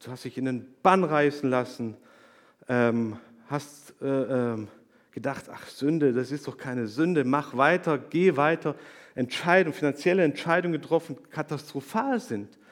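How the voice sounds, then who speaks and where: A man giving an emotional church testimony into a handheld microphone, confessional and earnest, dropping to a hush and then rising loud. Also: medium pitch, unhurried. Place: church hall. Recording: long church hall reverb.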